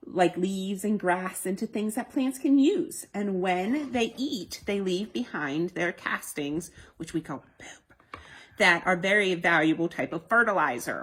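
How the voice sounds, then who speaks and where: Lower-voiced woman explaining to kids. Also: fairly bright tone, slightly rough. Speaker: children's librarian. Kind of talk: science demonstration for children.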